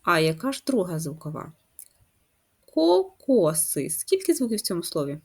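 A woman's voice: on the low side, sing-song, fast talker, husky. A woman teacher giving a patient, step-by-step first-grade writing lesson, asking the children questions as she goes. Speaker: primary school teacher.

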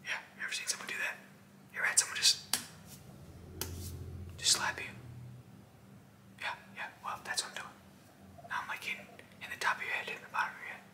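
A man in his twenties doing fast whispering ASMR, breathy and insistent, with clipped, repeated phrases aimed straight at the listener. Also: pushed and bright, echoey room. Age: 20s. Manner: aggressive, insistent, clipped and repetitive, addressing the listener directly. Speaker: ASMR host. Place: small indoor room.

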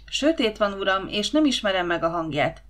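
A woman's voice: medium pitch, sing-song, lightly acted. A woman voicing a deferential male night guard who answers his boss politely and a bit wordily. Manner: polite, keeps saying sir.

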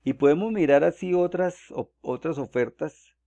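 A man from Colombia, calmly walking through cost calculations step by step in a screen-recorded tutorial. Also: a little high, normal speed, no echo, muffled recording. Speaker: solar energy explainer.

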